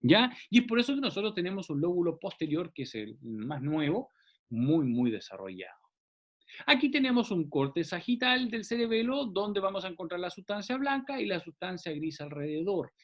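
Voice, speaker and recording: A man's voice: high voice, very animated, moderate pace, highs cut off. A man teaching a classroom anatomy lecture, explaining step by step and often checking in with the class.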